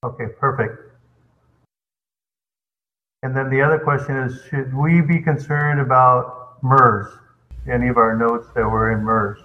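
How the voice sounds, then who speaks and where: A man's voice: mid-range voice, steady tone, unhurried, long pauses, phone-quality sound. A man calling in on a speakerphone, asking brief, plain questions on a conference call. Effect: phone on speakerphone.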